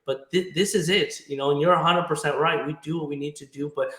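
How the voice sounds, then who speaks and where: A man's voice: on the high side, fairly even intonation, quick pace, a bit bright. Ukraine-born guy guesting on a podcast, earnest, restarts a lot, roomy echo. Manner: earnest, talks in loose restarts. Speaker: podcast guest, trucking company owner. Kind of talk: casual interview talk.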